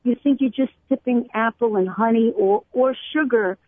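A middle-aged woman from Brooklyn, a cookbook author explaining food customs at length with many pauses and fillers, calling in to a radio interview. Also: on the high side, no echo. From Brooklyn, USA. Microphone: telephone. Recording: tinny phone line, dry.

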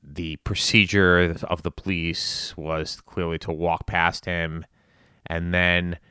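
Male, very low and clear voice, earnest commentary delivered in halting, emphatic phrases. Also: flat delivery, pushed and bright, dry recording, clean studio sound. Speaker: spin class instructor. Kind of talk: earnest monologue on current events.

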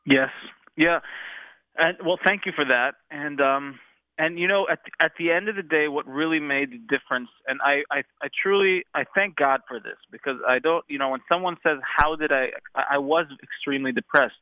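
A musician in his thirties, from Israel but raised in the US with an American accent, tells his story as an interview guest in an earnest, reflective way full of fillers and restarts. His voice sits on the high side at normal speed, and the dry recording has a tinny phone-line sound.

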